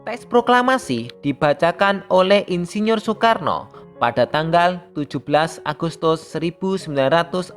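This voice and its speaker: A teacher reading a scripted lesson for primary school pupils, speaking to them directly in a steady reading voice. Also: mid-range voice. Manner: reads steadily, addressing pupils as younger siblings.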